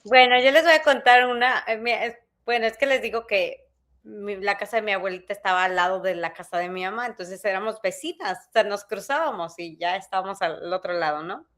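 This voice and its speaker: A woman's voice: medium pitch, a little fast, a bit bright. A woman co-hosting a podcast, chatting casually and animatedly, laughing often and acting out voices as she tells stories. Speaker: podcast co-host. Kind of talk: casual storytelling chat.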